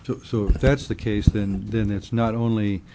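A man's voice: on the low side, steady tone, normal speed, warm tone, slight background noise. A man speaking as a senator in formal committee questioning, with hesitant, politician-like phrasing that he reworks as he goes. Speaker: state senator.

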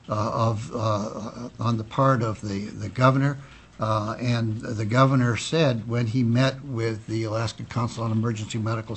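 A man giving formal legislative testimony in a measured, politician-like official manner, halting with frequent pauses. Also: mid-range voice, breathy edge. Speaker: physician and state health official testifying. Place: indoor legislative committee room. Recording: noisy public hearing room audio.

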